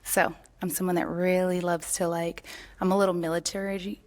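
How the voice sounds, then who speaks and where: A woman's voice: on the low side, flat delivery, moderate pace, a little mellow. A woman in her thirties who answers matter-of-factly on a dating show. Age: 30s.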